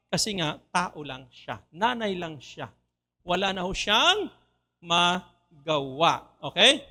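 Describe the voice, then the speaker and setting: High, bright Filipino preacher. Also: male voice. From Philippines. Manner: switches between Tagalog and English, asks the congregation questions. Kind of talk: sermon. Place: church.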